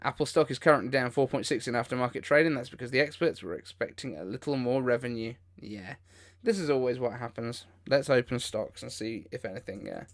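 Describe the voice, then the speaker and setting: On his live reaction stream, a mid-pitched man talks briskly with few pauses. His remarks are informal, unscripted, and carry a note of incredulity.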